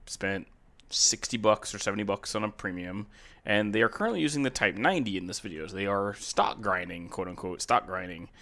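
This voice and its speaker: A man with a raspy voice giving casual, rambling video commentary, often hesitating and backtracking mid-sentence. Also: lowish voice, a bit bright. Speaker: gaming video host.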